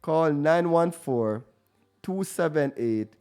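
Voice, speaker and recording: A man's voice: fairly high pitch, lively intonation, slow pace, a little mellow, smooth. A man hosting a radio talk show, enthusiastic and addressing listeners directly, often stumbling and restarting. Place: radio studio.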